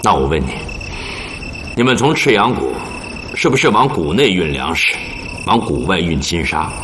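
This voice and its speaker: An actor playing a commanding army officer in a TV drama, shrewd, measured and decisive as he interrogates. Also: low-pitched, very animated, noisy background. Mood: probing. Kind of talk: television drama acting.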